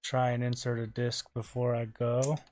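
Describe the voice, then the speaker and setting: A man's voice: mid-range voice, level tone, moderate pace, a little mellow, soft background music. A man hosting a console repair stream, chatting casually and muttering to himself while he works, with casual swearing. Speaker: repair channel host.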